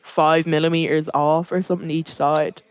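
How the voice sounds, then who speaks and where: A woman's voice: low voice, little pitch movement, moderate pace. A young woman chatting casually and candidly as a podcast co-host, self-deprecating and swearing freely. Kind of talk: casual chat. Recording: dull lo-fi podcast audio.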